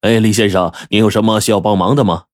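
A man's voice: on the low side, steady tone, fast, no echo, studio quality, lightly acted. A man voicing a fawning male henchman who speaks in an eager, obliging way. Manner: smiling, obliging.

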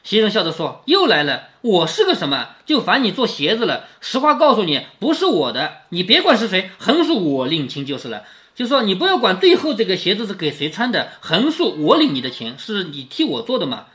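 In a casual family lesson, a father retells and explains a classic novel to his daughter, putting each quoted passage into everyday language. His high-pitched, fairly bright voice swoops wildly up and down, and he often asks small questions to check she's following.

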